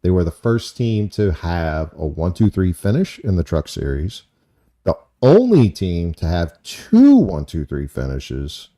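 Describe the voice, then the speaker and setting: A man's voice: sits low, very animated, measured pace, dark tone. A man hosting a podcast in a casual, rambling way, often repeating himself. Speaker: podcast host. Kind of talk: casual chat.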